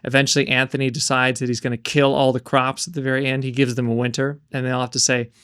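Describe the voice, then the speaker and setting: A man's voice: medium pitch, little pitch movement, fast talker, a bit bright, clear, resonant tone, dry recording, studio quality. Thoughtful man discussing a story. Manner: thoughtful, questioning, with hesitant fillers. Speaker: book podcast co-host. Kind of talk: casual book discussion.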